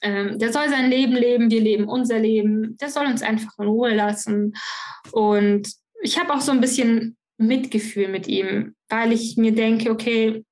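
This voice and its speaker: A woman's voice: a little high, a little mellow. A young woman telling her personal story frankly and with emotion as a podcast guest, often restarting her sentences. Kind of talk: personal interview conversation.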